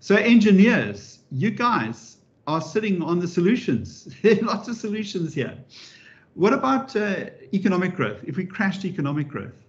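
A man giving an interactive public lecture as a professor, lively and animated, often restarting his sentences and adding wry asides. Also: high-pitched, moderate pace. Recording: dull lo-fi recording.

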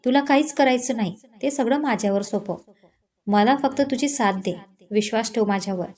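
A woman's voice: on the high side, moderate pace, a little mellow, natural voice. A woman voicing an older father-in-law in a read-aloud romance, firm and fatherly. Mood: tender. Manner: firm then tender, fatherly.

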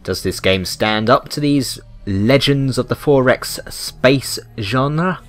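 This medium-pitched male voice is slow and a bit bright. He's British, offering meandering, unscripted commentary on a video game with a dry, mock-indignant air, while background music plays.

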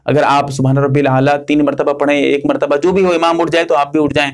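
Earnest, high-voiced male religious teacher. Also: flat delivery. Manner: earnest and emphatic, repeats key points step by step. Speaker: Islamic scholar. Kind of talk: religious instruction.

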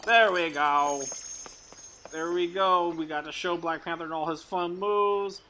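A man hosting a casual gameplay video, narrating his moves in a playful, excitable way and chatting with his child at home. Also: fairly high pitch, a little slow. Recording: noisy home recording.

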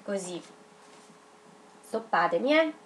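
A woman teaching young children in a video lesson, dictating words slowly and spelling them out syllable by syllable. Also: medium pitch, expressive, a little hiss or hum. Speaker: primary school teacher.

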